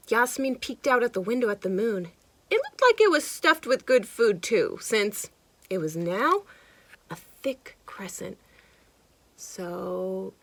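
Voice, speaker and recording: A woman with a fairly high voice reads a children's picture book with expressive energy, recorded without room sound. Acting as a storytime host, she chats to young listeners directly and points out things as she goes.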